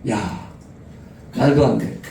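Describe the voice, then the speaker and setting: A middle-aged man preaching at a youth retreat, animated and laughing as he acts out everyday scenes. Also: medium pitch, takes it slowly, gravelly. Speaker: pastor. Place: church retreat hall. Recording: roomy hall, distant mic, faint ambience.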